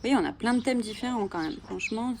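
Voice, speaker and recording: Birds chirp in a noisy background as a coloring-channel host pages through her coloring books, talking eagerly and filling gaps with lots of fillers. She speaks fast, her voice on the high side, creaky, with lively intonation.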